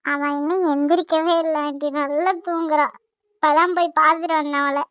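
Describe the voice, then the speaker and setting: A woman's voice: high-pitched, fairly even intonation, moderate pace, fairly bright tone, no echo, muffled recording. A woman voicing a sweet, polite young woman who is a guest in a cartoon, with a Tamil accent. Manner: polite and soothing.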